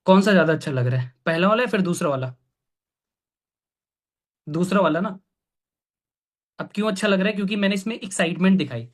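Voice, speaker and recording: A man coaching a group in an online training session, often checking that they follow and clearing his throat now and then. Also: high voice, animated, brisk, pauses often. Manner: coaching, repeats "ठीक है?" to check understanding. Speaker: sales trainer.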